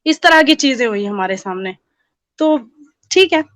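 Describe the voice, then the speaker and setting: A woman's voice: sits high, a little slow, no room sound. A woman telling a personal story in casual conversation and acting out the dialogue as she goes. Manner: animated, acts out quoted dialogue.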